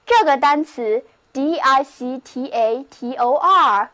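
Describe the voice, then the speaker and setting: A woman's voice: high-pitched, animated, slow pace, a bit bright. A woman teaching English vocabulary in a scripted lesson, spelling words letter by letter and reading example sentences aloud.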